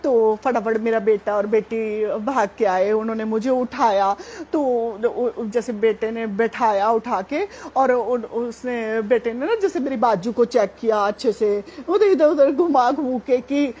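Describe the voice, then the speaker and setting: A middle-aged woman sharing a devotional testimony at a satsang, chatty and animated, often laughing as she tells it. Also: a little high, measured pace, husky, muffled recording. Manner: chatty, animated, laughs while telling, many fillers.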